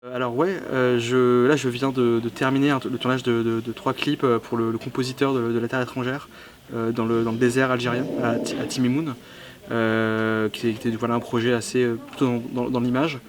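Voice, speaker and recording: At a film festival, a young director from southern France fields interview questions haltingly, full of fillers and false starts. He speaks in a mid-range voice with flat delivery, over slight background noise.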